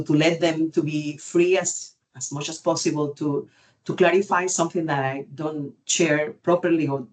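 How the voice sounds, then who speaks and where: A Cuban woman with a Cuban Spanish accent speaks in a low voice as a genetic counselling expert on an unscripted webinar panel. Over a video call, she searches for words in halting, non-native phrasing.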